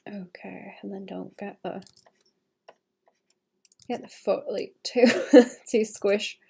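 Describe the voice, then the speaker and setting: A young female digital artist streams a commission, thinking aloud casually while she sketches. Her mid-range voice is gravelly and hoarse, fairly even in intonation and slow, as she suppresses a cough. She's chatty, corrects herself often, and fills her talk with "like"s and soft laughs.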